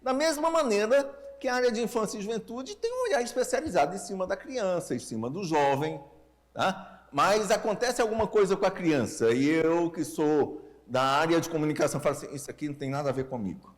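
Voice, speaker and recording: A Brazilian man in his sixties lectures informally in a fairly high, very lively voice. His articulation is a little slurred from a tongue-tie, and he keeps posing questions to his listeners. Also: a little fast. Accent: Brazilian Portuguese. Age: 60s. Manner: animated, checks in with listeners using short tag questions. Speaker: speaker leading a Spiritist family-ministry session.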